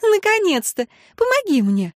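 A flustered young empress, a caring mother, whose voice jumps high and eager, as a woman narrator lifts her pitch for her. The audiobook reading is dry and close. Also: moderate pace, a little mellow, dry recording, close to an everyday voice. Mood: excited.

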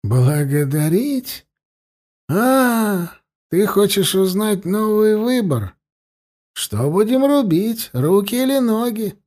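A stern, icy priest and torturer, voiced by a man, self-righteous to the core. His voice sits slightly raised and crisp in its coldness. He speaks slowly and deliberately, as in an audiobook. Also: high-pitched, sing-song, darkish tone, voice pushed up, full character voice. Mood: stern, cold. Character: stern, cold-hearted male priest and torturer. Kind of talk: audiobook character voice.

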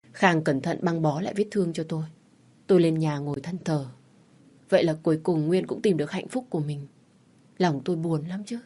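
A woman reading a first-person romance story aloud in a soft, reflective way. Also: lowish voice. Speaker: story narrator.

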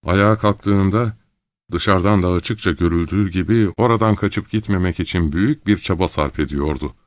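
A man reading a novel aloud as an audiobook narrator, steady and measured. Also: sits low, dry recording. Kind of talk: scripted narration.

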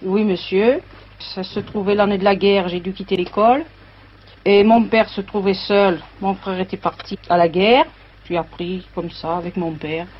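A woman's voice: mid-range voice, steady tone, moderate pace, husky. A middle-aged woman shoemaker answering an interviewer plainly and briefly, heard from an old worn archive tape. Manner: plain, short, matter-of-fact answers. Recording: dull lo-fi archive tape with faint hiss.

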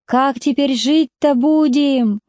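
A woman reading aloud and voicing a grieving woman who speaks slowly and forlornly. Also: high voice, darkish tone, dry recording, pitched above the performer's own voice. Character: grieving woman Zina, lost and despairing.

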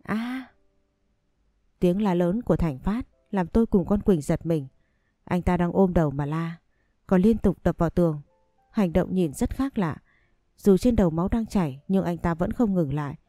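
Low, mellow woman narrating a story. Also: normal speed, no room sound, clean studio sound, faint music behind. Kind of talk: scripted first-person story narration.

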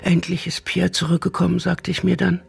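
A woman's voice: fairly low pitch, completely flat delivery, a little fast, creaky, slightly rough, faint music behind, full character voice. A woman playing a lonely, half-paralyzed aging mother in a radio drama, pleading with her returned son. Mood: bitter pleading. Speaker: mother figure in a radio play.

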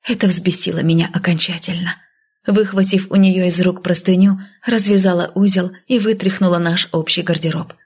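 Expressive woman reading a story aloud. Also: lowish voice, moderate pace, breathy edge. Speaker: audiobook narrator. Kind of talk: first-person audiobook narration.

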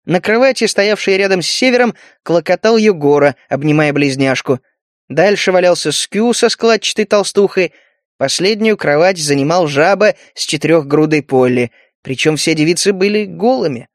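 A man narrating an audiobook in an even storytelling manner. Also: high voice, normal speed, no echo, clean studio sound.

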